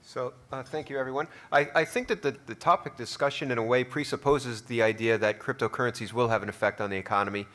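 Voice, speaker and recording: A man moderating a conference panel in a relaxed, conversational way. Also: medium pitch, quick pace, hardly any pauses.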